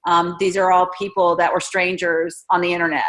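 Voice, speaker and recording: A woman hosting a webinar, explaining what comes next in a relaxed way. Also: fairly low pitch, fairly quick. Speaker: webinar host. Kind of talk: presenting a webinar.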